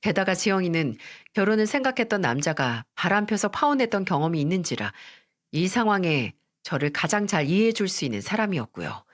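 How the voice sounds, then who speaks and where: A woman reading a first-person story in steady, scripted narration. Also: lowish voice, a little fast, dry recording, clean studio sound.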